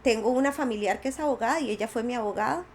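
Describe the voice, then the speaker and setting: A woman recounts a hard personal story, high-voiced and intense. She slips into the voices of the people she quotes as she goes. A faint noise runs beneath the recording. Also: rapid-fire. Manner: vivid retelling, acts out quoted voices. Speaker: podcast guest, doctor.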